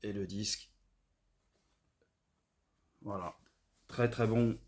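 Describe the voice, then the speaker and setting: Speaking very slowly in a lowish, steady, slightly mellow voice, a middle-aged Frenchman who vlogs about record collecting describes records he found. His casual haul chat is hesitant and packed with fillers.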